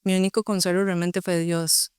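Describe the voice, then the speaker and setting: Costa Rican woman, smooth clear voice. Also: lowish voice, level tone, normal speed, a little mellow, no room sound, clean studio sound. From Costa Rica. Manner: earnest, reflective storytelling. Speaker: interview guest. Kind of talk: personal testimony.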